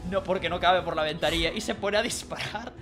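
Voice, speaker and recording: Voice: mid-range voice, fairly quick, music in the background. Rambling storyteller. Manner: animated, rambling, drops to quiet asides. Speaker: streamer. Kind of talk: casual storytelling of a dream.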